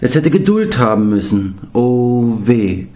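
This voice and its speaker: A man reading a storybook, voicing a dignified male swan messenger who murmurs gravely and frets. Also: medium pitch, very animated, takes it slowly, mellow, voice pushed up. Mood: grave, worried. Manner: solemn, fretting murmur.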